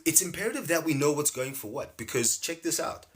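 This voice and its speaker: Lively man teaching. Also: on the high side, fairly quick. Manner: animated, repeats words, laughs often. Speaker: spiritual teacher streaming live. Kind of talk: casual livestream teaching. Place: home livestream setup.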